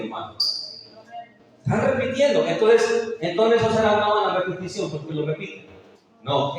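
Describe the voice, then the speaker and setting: Man preaching, high voice, sermon to the congregation, heavy echo, distant from the mic. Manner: addresses listeners as brother, asks rhetorical questions. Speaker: pastor. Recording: echoey hall, voice from far off.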